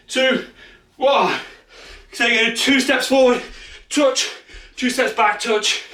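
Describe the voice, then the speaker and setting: A man's voice: sits high, pushed and bright. Breathless man coaching a workout. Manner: urgent encouragement and countdowns while exercising. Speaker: fitness instructor. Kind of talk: follow-along workout coaching. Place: small space at home. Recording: echoey room, far from mic.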